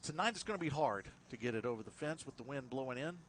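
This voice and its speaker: A man doing play-by-play for a high school baseball game, chatty and rising sharply in energy on big plays. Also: expressive, quick pace, a bit bright, a little hiss or hum. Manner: chatty, laughs with his partner. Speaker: play-by-play announcer. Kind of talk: baseball commentary.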